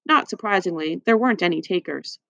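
A woman narrating a children's book in an even, measured storytelling manner. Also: on the low side, no echo. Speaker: audiobook narrator. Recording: dry, slightly muffled.

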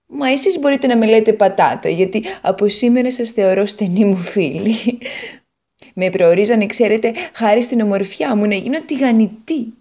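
A woman voicing a vain, chatty, naive female potato in a children's storybook read on the radio, talking in a gushing, excitable way. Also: close to an everyday voice. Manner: gushing and excitable, high and lively.

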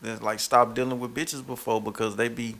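A man co-hosting a casual podcast, blunt and quick to cut in. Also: mid-range voice, little pitch movement, a bit bright. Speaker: podcast co-host. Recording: music clearly behind.

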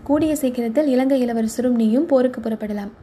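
A woman's voice: on the high side, fairly quick, dark tone, a little hiss or hum, lightly acted. Kamali, a woman voicing a cheerful young wife. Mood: coaxing. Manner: coaxing, questioning. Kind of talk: storybook reading.

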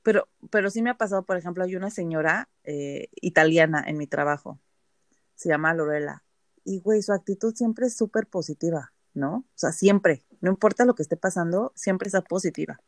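A Mexican woman co-hosts a podcast, chatting casually and telling stories animatedly, full of slang and swearing. Her voice is fairly low and fairly quick, captured with studio quality and no room sound.

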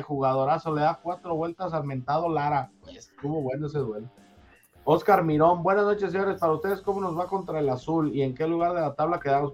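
Joking man with a higher voice. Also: a little mellow. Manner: joking, reads messages aloud in a quick, loose way. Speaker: podcast host reading listener messages. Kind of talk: casual sports chat. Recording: slightly dull sound, faint music behind.

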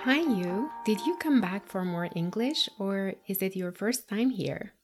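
A woman teaching a scripted podcast lesson, addressing the listener directly with guiding questions and pauses. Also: medium pitch, animated, over loud music. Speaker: English teacher and podcast host.

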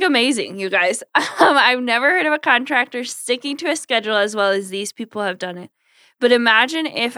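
A woman's voice: medium pitch, pushed and bright, no echo, studio quality. A woman hosting a podcast, talking in a casual, conversational way to her listeners. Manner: conversational, voices imagined quotes. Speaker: podcast host. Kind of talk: casual solo podcast talk.

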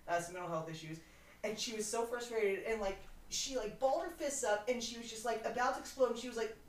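A woman's voice: a little high, fast talker. A woman who works with youth, telling stories in casual chat and acting out what she said. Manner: animated storyteller, acts out her own quotes. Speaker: youth worker. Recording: roomy, distant mic with faint ambience.

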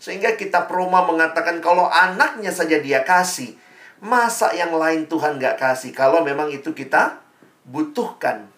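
A man's voice: on the high side, lively intonation, normal speed, fairly bright tone, roomy sound. A man preaching a sermon in a conversational, storytelling manner with rhetorical questions. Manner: calls himself Amang.

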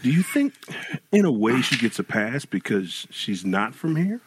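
A man's voice: mid-range voice, sing-song, a little hiss or hum. A man co-hosting a casual podcast, reacting to stories and turning questions to the viewers' chat. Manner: quick reactions, addresses the chat. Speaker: podcast co-host.

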